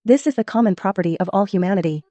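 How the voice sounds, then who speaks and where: Woman acting a stern, mellow-voiced alliance officer. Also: mid-range voice, very fast, no echo, close to an everyday voice. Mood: stern demand. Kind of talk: dramatic English dub acting.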